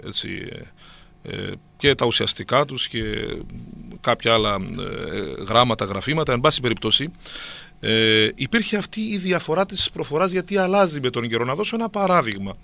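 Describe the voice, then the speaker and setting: Gravelly, bright-voiced man lecturing. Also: mid-range voice, lively intonation. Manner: lecturing, many hesitation fillers. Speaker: guest. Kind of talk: explaining to a radio co-host.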